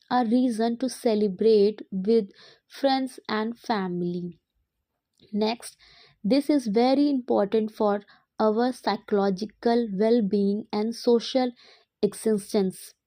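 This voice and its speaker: Mellow woman dictating very slowly. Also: medium pitch, dry recording. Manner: dictating word group by word group with deliberate pauses. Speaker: English dictation teacher. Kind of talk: slow dictation, read out in short separated phrases and repeated.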